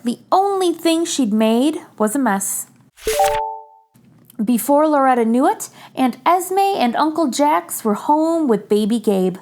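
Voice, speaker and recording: Reading a picture book aloud for small children, this host speaks to her young audience directly, shaping each phrase clearly and deliberately. Her high-pitched voice is a little mellow, and the storytelling is expressive.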